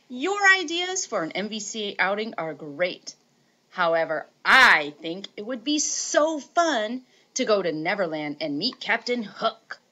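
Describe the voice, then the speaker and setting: Woman teacher reading a fun letter real slow, bright voice, muffled lo-fi sound. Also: mid-range voice. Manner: playful, slow, expressive. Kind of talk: reading an example letter aloud. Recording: dull lo-fi recording.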